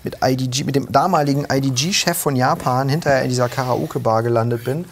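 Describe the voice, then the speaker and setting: A man's voice: medium pitch, fairly even intonation, quick pace, a little hiss or hum. A man in his thirties hosting a casual cooking chat in a studio kitchen, slangy and talkative. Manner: chatty, slangy, talks over others. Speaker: cooking show host.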